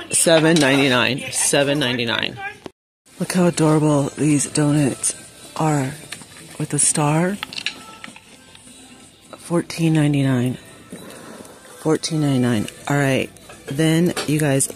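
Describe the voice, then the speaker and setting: A woman filming a shop-with-me vlog in a large store on a handheld phone, chatting excitably and reading prices aloud. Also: extremely low pitch. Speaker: vlogger. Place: large indoor retail store. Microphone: handheld phone camera.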